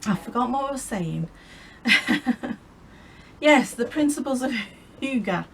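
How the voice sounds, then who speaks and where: A woman's voice: on the high side, animated, takes it slowly, creaky, a little hiss or hum, low-quality recording. A woman chatting casually as she crafts at home, rambling and laughing often. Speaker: craft vlogger.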